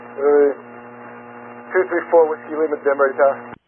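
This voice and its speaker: A man's voice: a little high, fairly even intonation, normal speed. A man working as an air traffic controller, giving curt, insistent instructions over aviation radio. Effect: aviation radio transmission. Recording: narrow tinny radio band, noisy hum.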